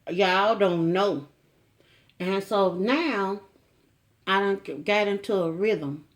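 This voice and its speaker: A woman's voice: mid-range voice, slow. Middle-aged woman vlogger, casual home chat, folksy and teasing, mid-range voice. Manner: folksy, chatty, with asides to viewers and teasing questions to her husband.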